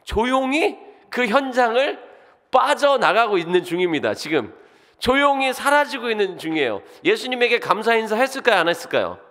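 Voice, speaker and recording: A middle-aged man preaching a sermon as pastor, asking the congregation questions and swinging from loud exclamations to quiet asides. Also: extremely high pitch, normal speed. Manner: animated, rhetorical questions to the congregation. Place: church sanctuary. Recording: long reverb of a church hall.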